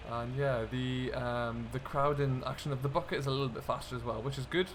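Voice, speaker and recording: The host of this gaming video narrates his farming simulator session in an easygoing, chatty let's-play style. He has a mid-range voice, speaks fairly quickly with fairly even intonation, and background noise is audible.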